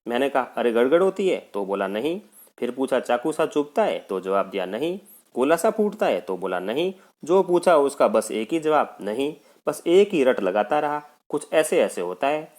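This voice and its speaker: A man's voice: mid-range voice, moderate pace, lightly acted. A male teacher voicing a puzzled father who animatedly recounts his son's odd complaints. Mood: exasperated. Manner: retelling with animated emphasis.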